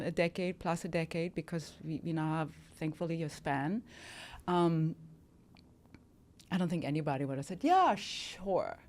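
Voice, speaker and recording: In this casual interview, a German woman in her fifties, a model appearing as a podcast guest, speaks in a mid-range, slightly mellow voice. She sounds reflective and hesitant, using many fillers.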